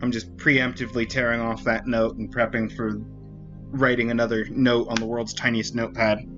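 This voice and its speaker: A man streams a puzzle game and chats casually at a moderate pace, his mid-range voice showing little pitch movement. He rambles, often restarting and correcting himself. The recording is muffled, with music in the background.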